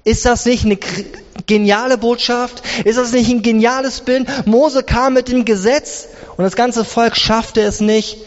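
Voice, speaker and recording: A man preaching a sermon, emphatic, with his pitch swinging from high to low. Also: steady tone, a little slow. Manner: emphatic, rises and drops sharply in pitch. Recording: reverberant hall, dull sound.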